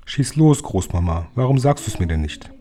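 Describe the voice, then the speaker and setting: A man reading the lines of a young boy who has become a mouse, voiced a little higher and livelier in an audiobook. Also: expressive, moderate pace, dark tone, lightly acted. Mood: eager. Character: young boy turned into a mouse, eager and affectionate.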